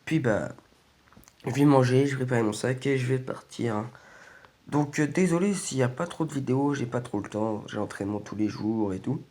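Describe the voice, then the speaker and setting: A gaming video host casually commentates on a video game in a medium-pitched, darkish voice at a brisk pace. A sore throat leaves him sounding weak, congested and slightly croaky.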